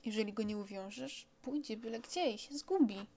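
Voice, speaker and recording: A woman's voice: on the high side, moderate pace, dark tone, slight background noise, close to an everyday voice. A woman voicing a grown man, a proud and patient pilot, explaining plainly.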